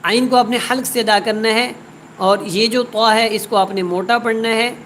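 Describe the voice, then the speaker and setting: A woman teaching a word-by-word Quran tajweed lesson. She recites each word slowly and drawn out, then explains quickly. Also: on the high side, fairly even intonation, a bit bright, a little hiss or hum, poor audio.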